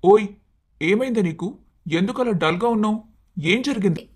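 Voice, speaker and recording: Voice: mid-range voice, animated, moderate pace, husky. A performer voicing an earnest, hot-tempered young husband in a cartoon story, talking in a pleading, emotional way. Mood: concerned. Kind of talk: Telugu storybook cartoon dialogue.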